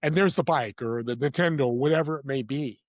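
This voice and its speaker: A man, a podcast guest who also hosts a podcast, telling motivational stories in an animated, heartfelt way that drops from loud emphasis to hushed quiet. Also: medium pitch, brisk, dry recording, studio quality. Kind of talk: earnest motivational storytelling.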